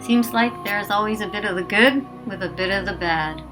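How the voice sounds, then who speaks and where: A woman's voice: mid-range voice, moderate pace, poor audio. A woman narrating a documentary in an earnest, reflective, scripted manner. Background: music.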